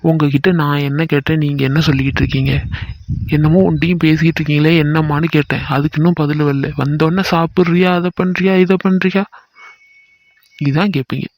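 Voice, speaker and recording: A man's voice: fairly high pitch, steady tone, a little fast, a little mellow, no echo, natural voice. A man voicing an impatient grown son in a cartoon who presses his mother with questions. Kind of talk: cartoon voice acting.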